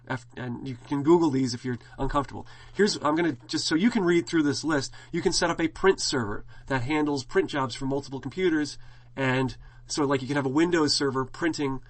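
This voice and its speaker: A middle-aged male college instructor with a scratchy throat, giving a casual, rambling classroom lecture full of fillers and restarts. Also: medium pitch.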